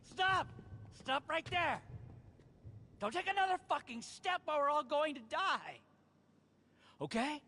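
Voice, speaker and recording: A man's voice: extremely high pitch, very animated, takes it slowly, long pauses, sharp tone, slight background noise, exaggerated voice. An actor playing a frantic, drug-addled man on a bad trip, rambling and swearing in panic. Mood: panicked, pleading. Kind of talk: action drama acting.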